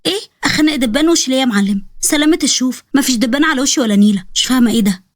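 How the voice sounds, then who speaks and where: A woman voicing a sharp-tongued young woman shopkeeper in an Egyptian story reading, with an Egyptian accent and snappy retorts. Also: sits high, rapid-fire, no room sound, studio quality, close to an everyday voice. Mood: irritated. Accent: Egyptian Arabic.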